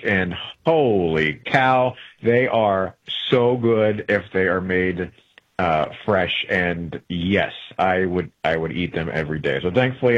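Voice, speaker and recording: Man on muffled AM radio, rambling. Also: fairly low pitch. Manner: rambling, with many filler words and restarts. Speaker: traveling correspondent. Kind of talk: casual call-in chat on a radio talk show.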